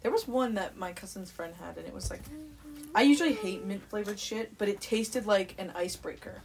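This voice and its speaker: A young woman guest on a podcast, excitable and giggly in casual chat with friends. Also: medium pitch, brisk, poor audio.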